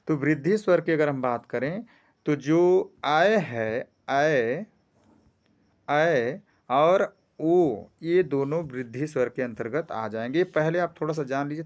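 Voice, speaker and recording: A man teaching a grammar lesson, explaining step by step, often checking in with "theek hai" and stretching vowels to demonstrate sounds. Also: medium pitch. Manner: explains slowly with frequent "ठीक है" checks.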